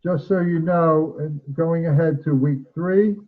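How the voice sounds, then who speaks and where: A man leads an online class in a relaxed, chatty way, laughing easily between points. His voice sits a little high for a man. It comes through a thin, tinny video call line. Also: a little slow, noisy background. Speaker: instructor.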